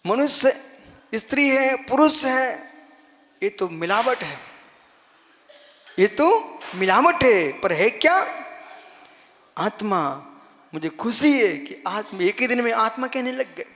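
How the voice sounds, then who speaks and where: A Jain monk preaching a sermon, emphatic and making the audience repeat after him. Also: male voice, very high voice, sing-song, slow, pauses often, pushed and bright. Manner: emphatic, drills the audience in call-and-response. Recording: long hall reverb.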